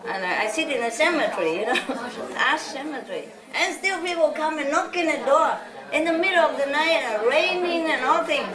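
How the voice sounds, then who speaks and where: A woman from Vietnam with a high voice gives an informal spiritual talk, chatting and telling stories with frequent "you know?" asides. She is heard from a distance in a large, reverberant hall. An audience murmurs around her. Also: animated, fairly quick, a crowd in the background. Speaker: spiritual teacher.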